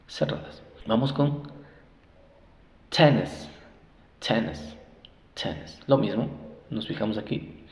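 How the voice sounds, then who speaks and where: A man teaching English pronunciation, repeating each word slowly several times as a drill. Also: mid-range voice, vocal fry. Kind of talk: phonics lesson. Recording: echoey room, dull lo-fi sound.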